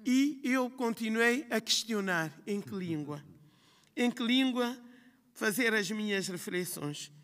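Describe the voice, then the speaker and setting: A woman writer from Guinea-Bissau, with a Guinea-Bissau Portuguese accent, reads a prepared speech on a festival panel in a large literary hall. Her voice sits on the high side and is expressive, yet her pacing stays measured and reflective, listing phrases rhythmically. The hall lends a long reverb.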